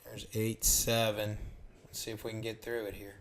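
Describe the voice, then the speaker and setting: A man's voice: lowish voice, flat delivery, moderate pace, a little hiss or hum. A man giving live trading commentary, calling out prices and orders in short bursts and talking himself through the trade.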